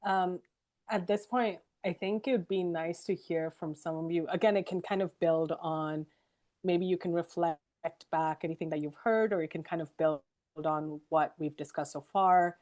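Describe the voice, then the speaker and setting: A woman moderating a discussion, gentle and inviting, with some fillers. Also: fairly low pitch, steady tone, normal speed.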